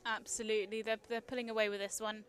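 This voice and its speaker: A woman from Wales giving live color commentary, her voice a little high. She breaks down plays in a chatty way, with "um"s and quick reactions. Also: flat delivery, a bit bright, clear, resonant tone, no room sound. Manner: chatty analysis with fillers and laughs. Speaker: color commentator, former player.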